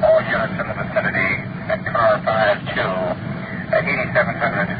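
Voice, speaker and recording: A man's voice: on the low side, fairly even intonation, normal speed. Male dispatcher over crackly police radio. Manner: clipped, matter-of-fact call codes. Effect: police radio transmission. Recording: tinny crackly police radio with loud hiss.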